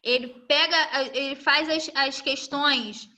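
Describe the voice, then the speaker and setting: Bright high-voiced woman teacher. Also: slow pace. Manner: chatty, animated, frequent tag questions. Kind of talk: live class lecture.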